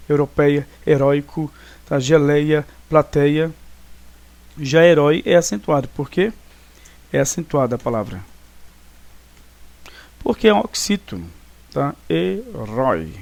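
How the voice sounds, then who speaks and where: A man's voice: fairly high pitch, darkish tone. A man with a Brazilian Portuguese accent, teaching a recorded grammar lesson in an explanatory way, checking in with the class often. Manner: explanatory, frequent tag questions.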